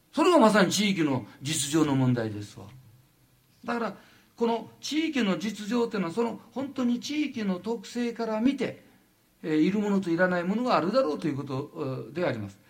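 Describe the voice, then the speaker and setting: An older man from Japan giving a lecture, halting with frequent fillers and lively asides. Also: high voice. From Wajima, Noto Peninsula, Japan.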